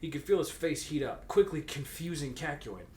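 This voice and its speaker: A man whose voice is on the high side, expressive and darkish in tone speaks at normal speed as a co-reader of fan fiction. His read-aloud is comedic and mock-dramatic with joking banter, recorded in an echoey room with some faint background noise.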